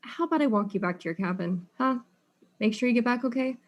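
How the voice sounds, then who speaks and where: An actress playing a polite but persistent female detective in a student audio drama, asking calm, probing questions. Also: fairly high pitch, fast, lightly acted.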